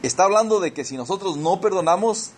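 Slightly high-voiced man preaching a sermon. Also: lively intonation, fairly quick, a little hiss or hum. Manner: explains scripture verse by verse, repeating key words to stress them; addresses listeners directly as brothers and sisters. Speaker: pastor.

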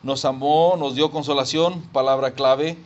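A male pastor preaching a sermon and praying, animated and emphatic, acting out voices and sounds. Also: medium pitch, measured pace, muffled recording. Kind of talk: sermon and prayer.

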